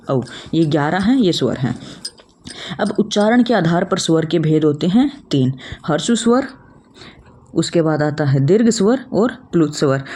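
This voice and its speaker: A young woman teaches an online class in a low, mellow voice. She works through the material step by step, asking a question and then answering it. She calls her students children. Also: breathy edge. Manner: explains step by step, asks and answers own questions.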